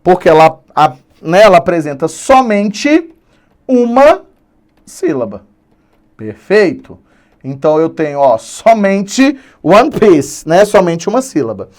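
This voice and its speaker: This male teacher's voice runs on the high side as he delivers an online Brazilian Portuguese grammar lesson, animated and slowly elongating key words for emphasis.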